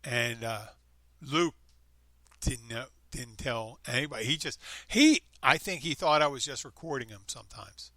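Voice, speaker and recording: A podcast host in his fifties chats casually and upbeat, rambling and interrupting himself with frequent restarts. His medium-pitched voice is animated, bright and forceful at a normal speed, with no echo.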